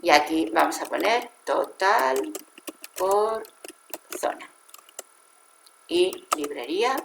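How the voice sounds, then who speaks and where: Patient woman with a low, gravelly voice. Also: expressive, takes it slowly, roomy sound, noisy background. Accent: Spanish from Spain. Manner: patient step-by-step explaining, self-correcting. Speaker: spreadsheet tutor. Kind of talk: screen-recorded software tutorial.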